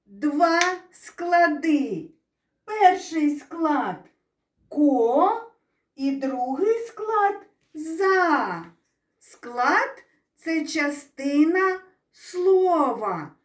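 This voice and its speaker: Woman, kindergarten teacher, very slow, high lively voice, echoey room, distant mic. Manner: drawn-out, sing-song explaining, asking the children questions. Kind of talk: slow, clear teaching to young children.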